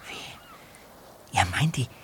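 Jumpy young detective in an audio play, excitable, pitch all over. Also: male voice, extremely slow, whispered, full character voice. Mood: anxious, hushed. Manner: excitable, questioning. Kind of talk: German audio drama acting.

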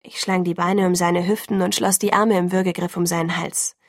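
A woman reading a novel aloud in the first person, in a soft, intimate audiobook narration. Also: fairly low pitch, little pitch movement, brisk, no echo, clean studio sound.

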